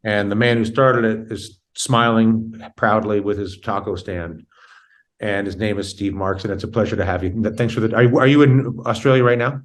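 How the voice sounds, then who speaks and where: A man's voice: fairly low pitch, fairly even intonation, normal speed. A man hosting an interview show, often rephrasing his questions as he goes in a conversational way.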